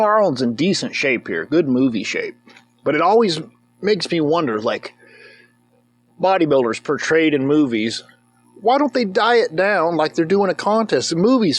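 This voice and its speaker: A man's voice: fairly high pitch, no echo. A man giving casual, comedic commentary over a movie as a reviewer. He rambles, jokes, and breaks into whoops and cheers.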